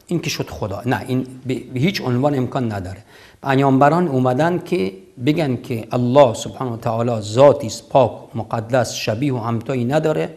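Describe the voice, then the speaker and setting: A man's voice: medium pitch, darkish tone. A man in his fifties hosting a religious call-in show, explaining in a didactic, emphatic way with repeated phrases, on a lapel mic in a studio. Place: TV studio, seated at desk.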